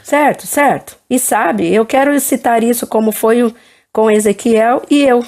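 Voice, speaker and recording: Uma mulher de meia-idade, apresentadora, conversando com calma e em tom de aconselhamento numa entrevista cristã. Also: female voice, a little high, measured pace. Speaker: host.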